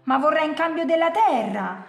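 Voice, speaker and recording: A woman's voice: high-pitched, animated, normal speed, creaky, roomy sound, soft background music, pitched above the performer's own voice. A woman voicing a second lazy storybook monster who brushes others off curtly. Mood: dismissive. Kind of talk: storybook read-aloud.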